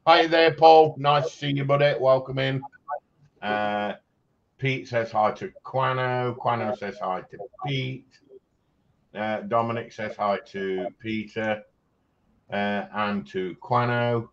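A man with a low voice hosts a relaxed livestream and talks slowly through viewers' messages, laughing easily. The sound is a bit dull, with a faint hiss underneath. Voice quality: chatty and jokey, laughs often. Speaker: livestream host. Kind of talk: casual livestream chat, reading viewer comments aloud. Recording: slightly dull sound with faint background noise.

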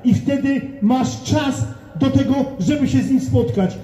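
High-pitched older man preaching in the street. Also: a little slow, warm tone. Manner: fervent, repetitive, addresses passers-by directly. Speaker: street evangelist. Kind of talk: open-air street preaching. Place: town market square outdoors. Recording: echoey, dull lo-fi outdoor recording.

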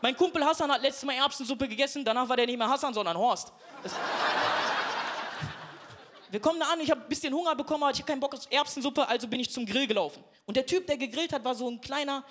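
A man's voice: very high voice, fast talker, fairly bright tone. A young man from Duisburg doing self-mocking stand-up comedy, chatting with the audience. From Duisburg, Germany. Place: stage before a live audience. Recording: live show with audience and noise.

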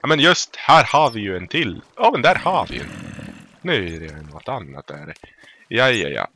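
A man's voice: fairly low pitch, sing-song, sharp tone, slight background noise. A Swedish man giving playful, casual commentary while playing a video game, often singing made-up lines and exclaiming. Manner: playful, improvises silly songs and exclamations. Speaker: let's play gamer.

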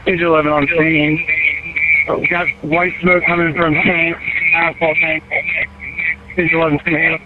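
A man's voice: on the high side, flat delivery, moderate pace, pauses often, narrow, tinny audio. A man who is a firefighter, giving informal, matter-of-fact reports from the scene by emergency radio. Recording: noisy fireground radio with engine hum.

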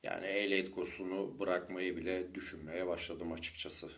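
Low-voiced man giving a vlog update. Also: flat delivery, moderate pace, fairly bright tone. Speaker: motorcycle vlogger.

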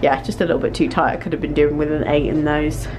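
A young British woman talks fast in a low, steady voice as she vlogs from a small clothing store fitting room with a handheld camera. She tries on clothes and chats informally, repeating words for emphasis, against a noisy background.

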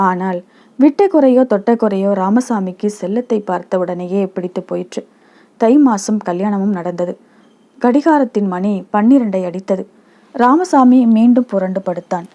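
A woman narrating a short story as a storyteller, in a calm, measured reading. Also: mid-range voice, highs cut off.

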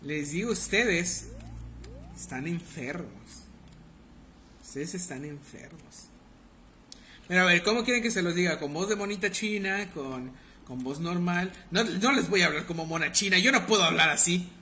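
His voice sits high and comes out fairly quick, pushed and bright, over a little hiss or hum. He's a young livestreamer with a Mexican Spanish accent, joking crudely about his game and trading banter with chat.

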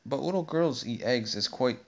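A man's voice: medium pitch, moderate pace, voice pushed up, natural voice. A man voicing a polite, curious young girl in an audiobook, speaking timidly and earnestly. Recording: dull lo-fi recording.

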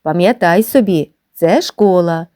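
A woman voicing a caring village father who gives his son gentle instructions in a storybook reading. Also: lowish voice, unhurried, dry recording, clean studio sound, lightly acted. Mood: instructing.

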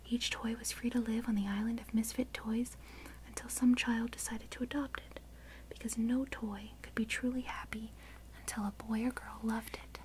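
A woman reading a children's storybook aloud in a soft, unvoiced ASMR whisper. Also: on the high side, little pitch movement, moderate pace, a little hiss or hum, low-quality recording. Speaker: reader.

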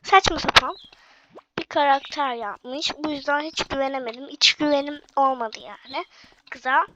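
A woman's voice: high-pitched, normal speed, dull audio, very noisy. A young woman hosting her own game video, chatting to viewers in a casual way while sick with a cough. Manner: chatty, addresses viewers directly. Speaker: gaming channel host.

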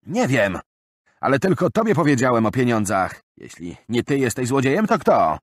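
A man's voice: medium pitch, big pitch swings, moderate pace, no room sound, studio quality, pitched above the performer's own voice. A man voicing a stocky bald traveler who has been robbed, pleading and tearful. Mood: aggrieved, despairing.

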